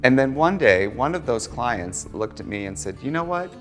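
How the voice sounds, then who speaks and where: A man's voice: mid-range voice, lively intonation, normal speed, a bit bright, faint music behind. A middle-aged man telling his story in a documentary interview, chatty, wry and self-mocking. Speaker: interviewee, holiday decorator.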